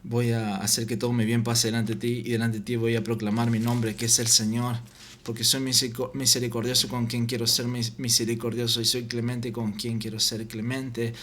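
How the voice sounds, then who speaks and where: A man giving an informal Bible teaching, reading scripture aloud and often halting and repeating words. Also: mid-range voice, level tone, a bit bright, a little hiss or hum. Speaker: preacher.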